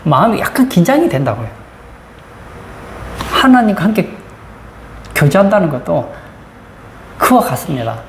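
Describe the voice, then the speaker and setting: A woman's voice: fairly low pitch, big pitch swings, moderate pace, gravelly, pauses often. A woman pastor preaching a sermon, asking the congregation frequent rhetorical questions. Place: church sanctuary. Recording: roomy church acoustics, faint background noise.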